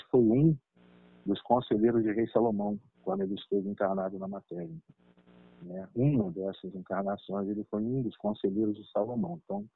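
A middle-aged man tells a personal spiritual story, lively, chuckling and acting out the dialogue. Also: mid-range voice, gravelly, no echo. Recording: tinny dry phone-like line.

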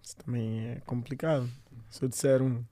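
A man's voice: medium pitch, steady tone, normal speed, mellow, no echo. A man of eighteen, a footballer guesting on a podcast, chatting casually in brief, hesitant answers. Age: 18 years old. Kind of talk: casual interview chat.

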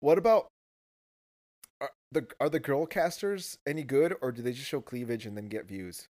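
A man's voice: mid-range voice, moderate pace, darkish tone. A man interviewing a guest casually, asking blunt, teasing questions.

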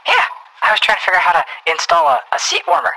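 A woman's voice: fairly high pitch, very animated, very fast, vocal fry, pushed and bright, exaggerated voice, poor audio. A woman voicing an eager, meddling young male droid, heard over a speakerphone comm. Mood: chirpy.

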